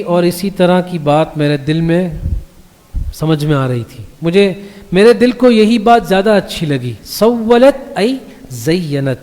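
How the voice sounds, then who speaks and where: A man teaching a class on the Quran in a mosque. He reads each verse slowly, explains it, and keeps checking that his listeners follow. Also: high-pitched, a little mellow. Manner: recites the Arabic verses slowly before translating them. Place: mosque hall. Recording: long reverb of a mosque hall.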